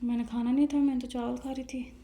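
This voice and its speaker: A young woman co-hosting a mukbang vlog, making quick, offhand remarks in casual chat while eating. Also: sits high, little pitch movement, dull audio, soft background music. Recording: roomy echo with loud background noise.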